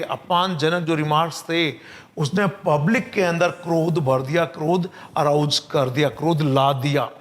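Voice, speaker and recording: Male vocabulary teacher. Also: a little high. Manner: explains in Hindi, reads English example sentences slowly and carefully. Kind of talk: vocabulary lesson.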